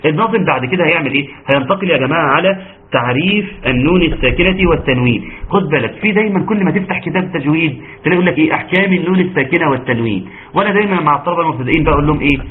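A man with an Egyptian accent teaching Quran recitation in an online class, breaking into chanted examples between quick explanations. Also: a little high, a little hiss or hum. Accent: Egyptian Arabic. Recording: tinny phone-like online audio.

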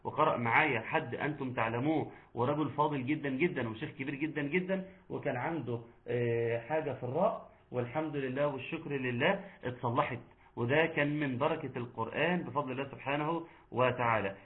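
A man with an Egyptian accent teaching Quran recitation in an online lesson, chatting with the class, quizzing them and chanting verses slowly. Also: medium pitch. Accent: Egyptian Arabic. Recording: tinny phone-like line.

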